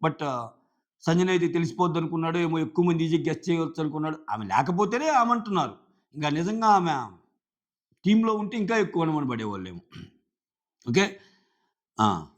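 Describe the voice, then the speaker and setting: A man giving a casual, animated recap and acting out what others said. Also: fairly high pitch, brisk, pauses often. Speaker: show commentator. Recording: dull lo-fi sound.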